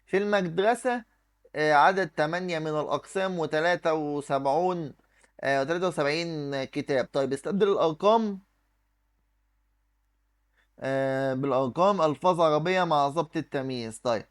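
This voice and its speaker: A man's voice: fairly high pitch, brisk, pauses often. A man with an Egyptian accent teaching an exam review lesson, explaining step by step and answering his own questions while he writes on the screen. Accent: Egyptian Arabic. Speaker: Arabic teacher.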